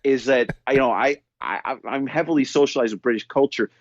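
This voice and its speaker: A man's voice: medium pitch, a little fast, no room sound, muffled recording. A man with a New York accent, co-hosting a podcast in a casual, rambling chat with many restarts and stammers. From New York State. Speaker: podcast co-host. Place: London.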